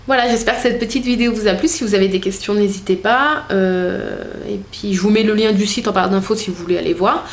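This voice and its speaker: A woman's voice: medium pitch, fairly quick, few pauses, a little hiss or hum. A young woman chatting casually to camera in a makeup vlog at home, talking with many fillers and restarts. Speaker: beauty vlogger. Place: home room with a desk.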